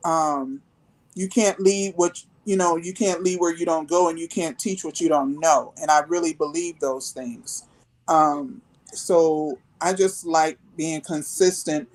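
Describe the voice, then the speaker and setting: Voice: mid-range voice, darkish tone, rough recording. A guest in a live online group discussion who speaks thoughtfully and hesitantly, with many filler ums.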